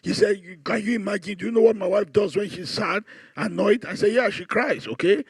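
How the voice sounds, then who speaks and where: A man's voice: sits high, brisk, creaky, slightly rough, no echo. A middle-aged male pastor, preaching at a conference and acting out both sides of the stories he tells. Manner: animated storytelling, acting out both sides of dialogues. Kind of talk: conference sermon.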